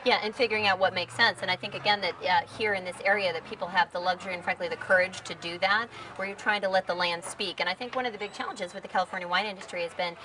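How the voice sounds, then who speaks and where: Quick bright-voiced woman interviewer. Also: mid-range voice, steady tone, far from the mic, a little hiss or hum, rough recording. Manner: enthusiastic and talkative. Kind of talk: casual interview. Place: outdoors at a winery.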